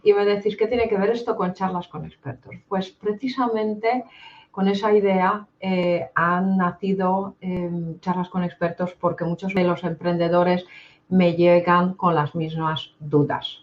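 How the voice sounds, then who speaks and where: A woman in her forties with a Spain Spanish accent, hosting an interview and introducing her guest, talking haltingly with many fillers. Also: fairly low pitch, fairly even intonation. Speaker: host. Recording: dull lo-fi sound.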